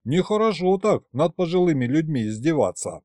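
A cheeky young man who answers with dry, teasing remarks in a lively voice, as a man reads him in a storybook. The recording is close and dry, with no room sound. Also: fairly high pitch, normal speed, dry recording. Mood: wry teasing. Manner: wry, teasing. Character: young male hero, wry and cheeky.

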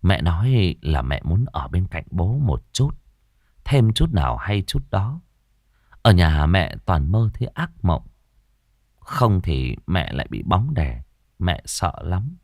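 A man narrating a ghost story slowly and dramatically. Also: deep voice, big pitch swings, creaky, a little mellow, dry recording, studio quality.

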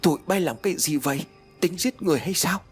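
A man's voice: medium pitch, very animated, fairly quick, husky, soft background music. Man voicing a haughty exorcist master. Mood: alarmed, angry. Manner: haughty, scolding. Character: stern middle-aged male exorcist master, commanding.

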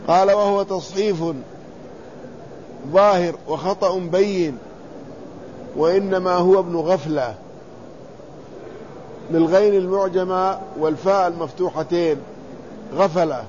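A man teaching a classical hadith commentary, reading the text aloud and explaining it in a measured, deliberate way, carefully spelling out letters and vowels. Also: high-pitched, fairly even intonation, a little mellow, dull audio, a little hiss or hum.

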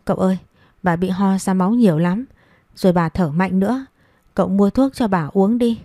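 A woman's voice: medium pitch, normal speed, mellow, dry recording, clean studio sound, lightly acted. A woman reading the part of a frightened, pleading young girl. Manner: pleading, tearful.

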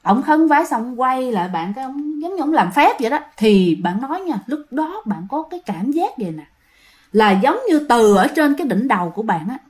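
A young woman with a Southern Vietnamese accent narrates a ghost story in a loose, conversational way. Her voice sits a little high, and she fills pauses and repeats words to build suspense. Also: big pitch swings, darkish tone. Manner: chatty, many fillers, repeats words for suspense. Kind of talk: casual spoken storytelling to listeners.

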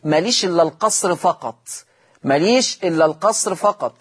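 A man's voice: sits high, animated, fairly quick, slightly rough. A man with an Egyptian Arabic accent teaching Quran recitation on a televised lesson, patiently repeating each rule and quizzing his listeners.

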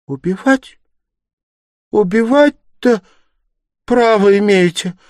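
A man's voice: sits high, takes it slowly, darkish tone, dry recording, studio quality, voice pushed up. A male audiobook reader voicing an anguished, devout young woman who pleads fervently and cries out in distress. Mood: shocked. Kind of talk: audiobook character voice.

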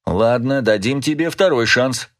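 A man voicing a suspicious, cocky young male partisan who talks in a gruff, threatening way and swears. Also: medium pitch, expressive, unhurried, a bit bright, voice pushed up. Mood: menacing.

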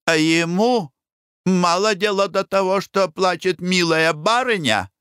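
Man putting on a high pleading old maidservant, fussy, emotional, storybook. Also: measured pace, fairly bright tone, clear, resonant tone, no room sound, studio quality.

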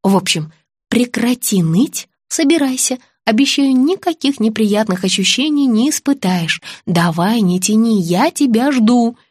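A woman's voice: on the high side, lively intonation, a little slow, a little mellow, husky, no echo, studio quality. A woman reading an audiobook, voicing a female dentist who coos endearments while insisting firmly. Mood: cooing. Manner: cooing, insistent. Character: dentist woman, adult, sugary and pushy.

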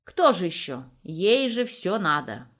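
A grumpy old village grandmother, as a woman narrator puts her on, scolding and proud. Her lines come a touch louder than the narration, with lively pitch. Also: measured pace. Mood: grumbling. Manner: gruff and scolding.

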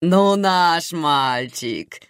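Шумная, хлопотливая тётушка из аудиокниги, которую озвучивает женщина, говорит с размахом, голос скачет вверх-вниз. Запись сухая, без эха. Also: female voice, lowish voice, big pitch swings, measured pace, a bit bright, dry recording, studio quality, voice pushed up. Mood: effusive fussing. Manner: effusive, exclaiming, fussing.

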